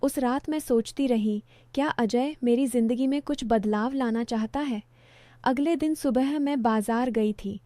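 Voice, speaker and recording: A woman tells a first-person story in a calm, measured way, her voice fairly high yet mellow. The sound is dry and close, with no room around it. Her delivery stays reflective throughout. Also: no echo.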